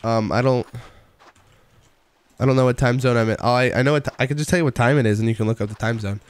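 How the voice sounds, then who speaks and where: A young man streaming a video game live, chatting casually, reading chat aloud and breaking into excited outbursts while he plays. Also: medium pitch, fast talker, clean tone.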